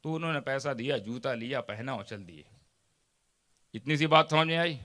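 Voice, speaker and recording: Bright-voiced preacher telling a parable. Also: male voice, medium pitch, lively intonation, normal speed. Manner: rhetorical questions answered himself, swings from loud to soft. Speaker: Islamic preacher. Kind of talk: sermon storytelling.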